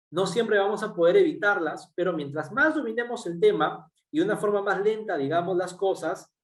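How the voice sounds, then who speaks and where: A man with a Peruvian Spanish accent giving a workshop lecture, explaining step by step with frequent fillers and tag questions. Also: sits high. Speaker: workshop speaker. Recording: roomy, distant mic.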